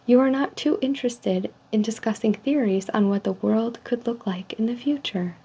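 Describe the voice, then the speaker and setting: Soft-spoken woman, mellow customer service voice. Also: a little high, husky. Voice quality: soft, hushed. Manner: polite, measured customer service manner. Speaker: ASMR role-player as call center agent giving a personality survey. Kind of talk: soft-spoken ASMR role-play, reading survey statements. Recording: dull lo-fi sound with faint noise.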